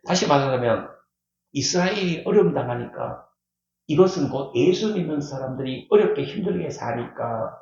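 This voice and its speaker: Animated male pastor in an echoey church. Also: medium pitch. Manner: emphatic, repeats key words, asks the congregation questions. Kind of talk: sermon. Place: church sanctuary. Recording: echoey church hall, dull lo-fi sound.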